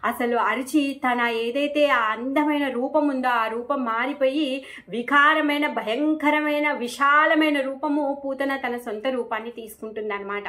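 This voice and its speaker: A woman's voice: high voice, steady tone, unhurried, fairly bright tone. A woman retelling a devotional scripture story in a casual way, with frequent fillers and acted-out quotes.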